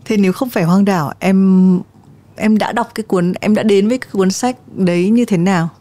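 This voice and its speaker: Mellow-voiced woman host. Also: medium pitch, a little fast. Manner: thoughtful, asks open questions with many fillers. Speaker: podcast host. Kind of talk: relaxed interview chat.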